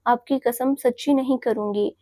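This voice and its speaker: A playful young woman, lovestruck and teasing, as the storyteller voices her. Her speech is sweet and coaxing, a little high, and dry and close with no echo. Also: fairly even intonation, moderate pace, dark tone, close to an everyday voice.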